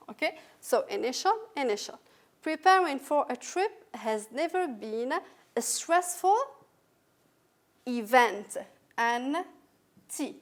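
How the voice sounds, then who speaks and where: Slow, high-voiced woman teaching English. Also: fairly bright tone. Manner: slow, patient, repeats words and letters for learners. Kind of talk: recorded classroom lesson.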